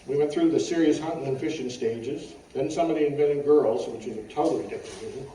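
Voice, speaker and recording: Older-ish guy reading a funeral eulogy, wry folksy stories, soft warm tone, roomy echo, bit of background noise. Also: mid-range voice, a little fast. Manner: wry, folksy storytelling, often clearing the throat. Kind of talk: personal eulogy read from notes, with humorous anecdotes. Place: echoey room at a funeral service. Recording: roomy, distant mic with faint background noise.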